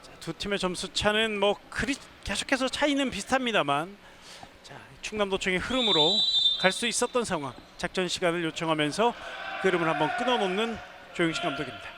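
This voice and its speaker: High-pitched male play-by-play caller, noisy arena. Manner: shouts excited, drawn-out goal calls. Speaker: sports play-by-play announcer. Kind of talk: live handball commentary. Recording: clear arena noise behind the voice.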